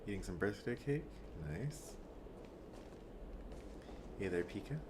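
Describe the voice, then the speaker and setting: A man's voice: fairly low pitch, animated, slow, noisy background. A man giving casual, laid-back commentary while streaming a game. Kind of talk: casual commentary over gameplay.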